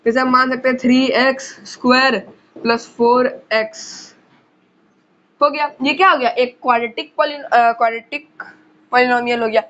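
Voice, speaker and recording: A woman's voice: high voice, fairly even intonation, fairly bright tone. A woman teaching school math in a casual lecture, who repeats key terms and quizzes her listeners. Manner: slows down while writing on the board. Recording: dull lo-fi recording.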